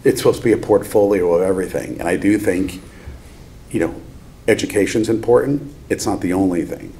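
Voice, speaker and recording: A man's voice: sits low, fairly quick, mellow. A man giving explanatory remarks as a finance board member at a meeting, often qualifying his points. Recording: faint background noise.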